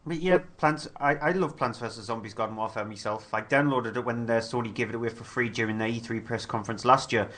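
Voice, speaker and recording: A man's voice: mid-range voice, fast talker, hardly any pauses, fairly bright tone. Easygoing rambling guy in chat. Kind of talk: casual chat about games.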